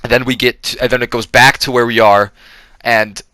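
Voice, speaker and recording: A man's voice: medium pitch, flat delivery, a little fast, sharp tone, no echo. A man giving a casual, rambling, profane spoken review of a film, full of fillers and restarts.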